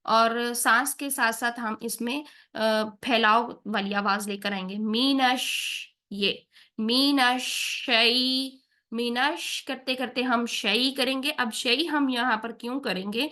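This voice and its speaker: A woman teaching tajweed, who explains each rule patiently, checks in with her learners often and slows down to recite the examples. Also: a little high, fairly even intonation, sharp tone. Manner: patient, checks in with "theek hai?" after each point.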